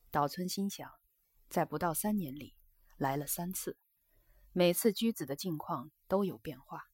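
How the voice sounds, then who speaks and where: A woman reading a literary novel aloud in an even, measured narration. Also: lowish voice, husky, no room sound, studio quality. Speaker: audiobook narrator.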